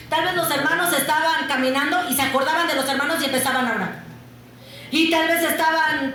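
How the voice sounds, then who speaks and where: A woman preaching a sermon. She asks the congregation questions and answers them herself, and she stretches key words slowly for emphasis. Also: high voice, bright, forceful tone. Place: church. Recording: very echoey church hall.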